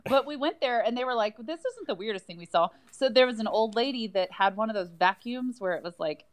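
A woman's voice: on the high side, fairly quick. A woman chatting casually on a podcast, telling playful anecdotes and acting out what people said. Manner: animated storytelling, quotes others, playful. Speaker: podcast guest.

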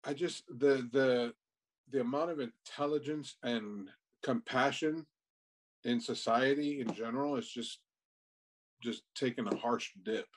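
An easygoing man, speaking at a mid-range pitch. He talks as a podcast guest, restarting phrases as he goes and swearing casually. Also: measured pace, low-quality recording. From Texas. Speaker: guest, tattoo artist. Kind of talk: casual interview chat.

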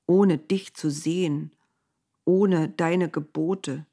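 Woman doing a wrathful old-time prophet, shouting then pleading, husky, slow, storybook reading. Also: low voice, fairly even intonation, heavily acted. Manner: shouting in rage, later pleading and murmuring. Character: Moses, furious then despairing prophet, man.

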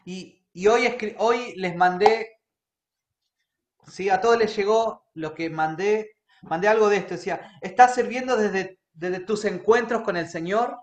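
A man preaches a sermon as a pastor, speaking in a high-sitting voice at an unhurried pace. He's earnest and keeps checking in with the congregation, asking "right?" again and again. The room is echoey.

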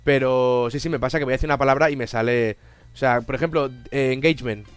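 A man's voice: medium pitch, steady tone, clean tone, no room sound, soft background music. A man with a Catalan accent, a native Catalan speaker, hosting a casual chat on his channel and talking in a joking way, swearing now and then. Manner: fast, joking, swears casually, mixes languages. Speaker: channel host.

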